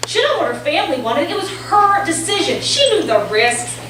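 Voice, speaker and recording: A woman's voice: very high voice, sing-song, fairly quick, a bit bright, full character voice. A woman playing a brash, evasive oncologist in a staged play, with an emphatic, theatrical delivery. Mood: irate, impatient. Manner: theatrical, emphatic, switching to stiff medical jargon. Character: brash, foul-mouthed woman oncologist, evasive and clinical with patients. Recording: very echoey room, distant mic, faint noise.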